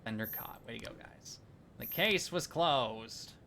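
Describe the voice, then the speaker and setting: A man's voice: medium pitch, lively intonation, unhurried, creaky, pushed and bright, slight background noise. A man streaming a game, chatting casually, reading game text aloud and thanking viewers. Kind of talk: casual live-stream commentary.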